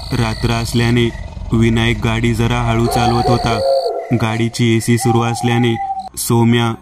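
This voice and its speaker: Male horror narrator, very flat monotone, measured reading, faint background noise. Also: mid-range voice. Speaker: storyteller.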